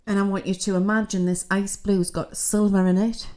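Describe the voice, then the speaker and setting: A woman's voice: medium pitch, flat delivery, moderate pace, mellow. A middle-aged woman gives a casual, rambling spiritual reading on a livestream. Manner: chatty, rambling, mystical. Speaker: psychic.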